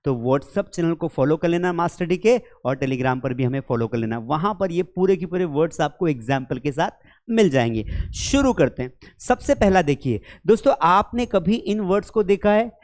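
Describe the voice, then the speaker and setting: In his online spoken-English lesson, a man with a slightly high, expressive and darkish voice takes his time explaining. He refers to viewers as friends and children and slowly reads English example sentences aloud.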